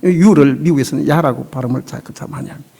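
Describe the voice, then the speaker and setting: A middle-aged man preaching a revival sermon as a pastor in a church, emotional and conversational, sometimes dropping to a hush. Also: on the high side, quick pace, gravelly, slightly rough. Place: church sanctuary.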